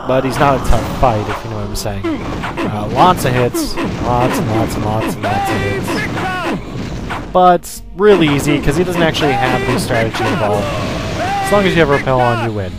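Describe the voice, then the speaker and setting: A man's voice: medium pitch, big pitch swings, a little fast. A man giving casual, wry, explanatory commentary as he plays a video game. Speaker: let's play host. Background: loud game music.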